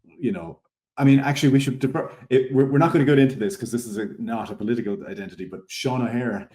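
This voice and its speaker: A man's voice: medium pitch, fast, warm tone, reverberant. An Irish man co-hosting a casual podcast chat, thinking aloud with fillers as he asks questions. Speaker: podcast co-host.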